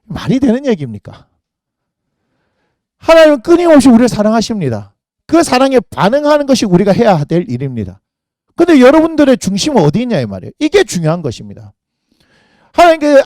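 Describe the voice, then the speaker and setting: A man in his forties preaching a lively youth sermon, animated and full of rhetorical questions to the congregation. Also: extremely high pitch, quick pace, dry recording, clean studio sound. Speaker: pastor.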